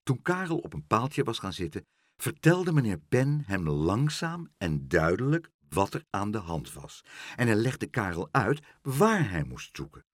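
A man narrates a children's storybook in a husky voice with a very lively, wide-ranging melody. The recording is close and dry, with no room sound. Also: fairly low pitch, unhurried, no room sound.

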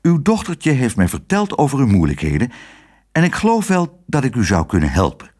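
A man's voice: mid-range voice, huge pitch swings, brisk, darkish tone, breathy edge. A man reading aloud and voicing a nervous, fussy village mayor who gets agitated and stammers. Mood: stern.

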